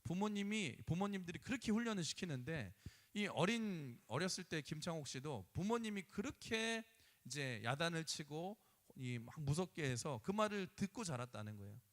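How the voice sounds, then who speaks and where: A man's voice: fairly high pitch, big pitch swings, moderate pace, a bit bright. Storytelling male pastor in a church hall. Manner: storytelling, acting out quoted voices. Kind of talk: sermon. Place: church sanctuary.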